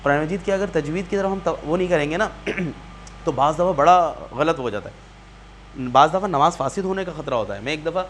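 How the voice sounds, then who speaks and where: A man's voice: on the high side, lively intonation, fairly bright tone, a little hiss or hum. A man teaching a community Quran class, patiently quizzing students and repeating key points. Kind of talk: classroom lesson.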